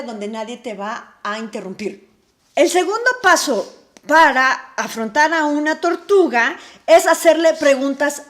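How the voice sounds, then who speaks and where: High-voiced woman giving advice. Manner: animated, asks and answers her own rhetorical questions. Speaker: advice vlog host. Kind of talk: talking-to-camera advice lesson.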